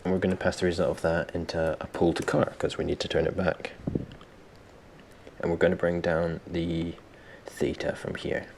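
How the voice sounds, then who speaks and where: There's little pitch movement in this man's extremely low, heavily fried voice as he presents a software tutorial at a moderate pace. Informal and self-deprecating, he thinks aloud throughout, over a faint background noise.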